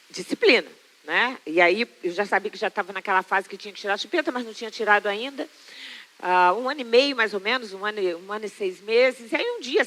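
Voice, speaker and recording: Bright high-voiced Brazilian woman preaching. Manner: emphatic, repeats phrases for stress. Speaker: pastor. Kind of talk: sermon with personal storytelling.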